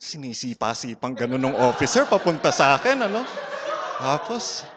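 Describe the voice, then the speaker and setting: A man's voice: mid-range voice, very animated, moderate pace, background noise. A man with a Filipino accent giving a humorous testimony talk at a church community gathering, a playful storyteller who mixes Tagalog and English and teases his audience. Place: large hall before a live audience. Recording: long hall reverb.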